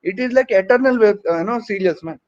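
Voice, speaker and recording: A man's voice: sits high, quick pace, darkish tone. A man with an Indian English accent performing a stand-up comedy set for an online audience, teasing and chatty, full of tag questions. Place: home, virtual conference. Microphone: online call audio. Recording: dull lo-fi online audio.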